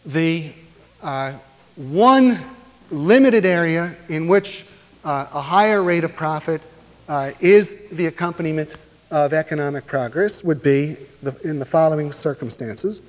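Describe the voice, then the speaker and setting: A man giving an academic lecture to a class, explaining step by step in a measured, deliberate way with frequent hesitant pauses. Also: a little high. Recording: long reverb of a lecture hall.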